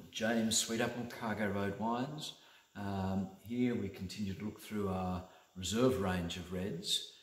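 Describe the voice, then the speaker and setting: A middle-aged man with a very low voice presents a wine tasting in a relaxed, chatty way. He rambles happily and fills his pauses with ums and uhs, and his voice bounces around a roomy, echoey space. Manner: rambling, enthusiastic with many fillers. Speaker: winemaker. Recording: echoey room.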